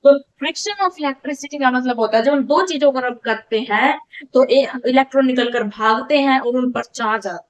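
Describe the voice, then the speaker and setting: A woman's voice: high voice, moderate pace. A woman teaching a physics lesson, who repeats key phrases and asks and answers her own questions. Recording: dull lo-fi sound.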